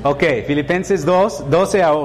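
A pastor delivers a bilingual sermon in learner's Spanish, his first language being English. His voice is fairly high and unhurried, trailing a long reverb, and he keeps things conversational by putting questions to the congregation.

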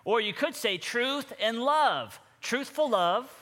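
Bright-voiced preacher in an echoing hall. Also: male voice, very high voice, slow pace. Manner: energetic, prompts the congregation to respond. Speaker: pastor. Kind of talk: sermon. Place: church sanctuary. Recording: long hall reverb.

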